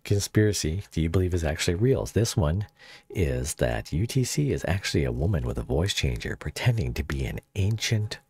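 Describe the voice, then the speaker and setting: A man's voice: big pitch swings, fairly quick, darkish tone, breathy edge, dry recording. A man streaming with a voice changer on, chatting casually in a rambling, joking way with frequent self-interruptions. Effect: voice changer pitching the voice very deep. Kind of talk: casual livestream chat.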